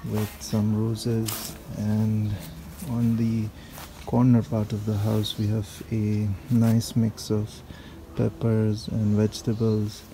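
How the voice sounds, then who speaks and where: A man giving a casual narrated tour of his home garden, explaining plants in a relaxed way with frequent ums, recorded outdoors on a handheld phone. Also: fairly low pitch, takes it slowly, noisy background.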